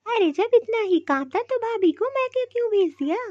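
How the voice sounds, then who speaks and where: A woman's voice: very high voice, expressive, normal speed, a little mellow, no room sound, lo-fi sound. A woman voicing a sly, tattling young sister-in-law in a cartoon, whining and complaining. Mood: annoyed. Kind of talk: cartoon voice acting.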